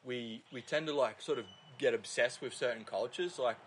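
A man's voice: mid-range voice, moderate pace, fairly bright tone, slight background noise, poor audio. An Australian man in casual chat with a laddish, sweary, bro-like way of talking.

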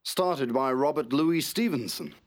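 Man narrating, arch and mocking, lively up-and-down voice. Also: medium pitch, a little slow. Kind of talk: mock-critical commentary.

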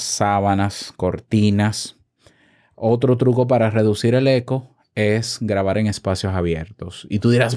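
A man's voice: on the low side, mellow. A man hosting a podcast from a room at home, giving casual tips close to the mic and asking the listener questions. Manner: chatty, asks the listener questions. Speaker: podcast host. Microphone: shotgun mic held close.

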